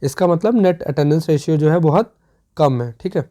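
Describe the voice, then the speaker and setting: A teacher with a dark, mellow voice runs through an exam revision lesson. The teacher explains step by step and keeps checking that the class is following. The voice sits in the middle of the usual pitch range. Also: fairly quick.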